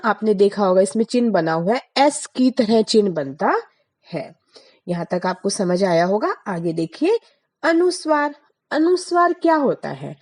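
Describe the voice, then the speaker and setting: A woman's voice: medium pitch, darkish tone. A woman teacher giving a class lesson, asking questions and answering them herself, drawing out sounds as examples.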